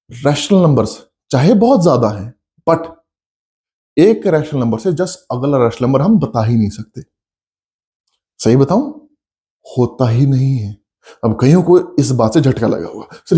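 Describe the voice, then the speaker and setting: A middle-aged man teaching a math lesson, coaxing his students along and acting out their questions. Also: medium pitch. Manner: lively, coaxing, addresses students as beta, acts out their questions. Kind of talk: coaching class lecture.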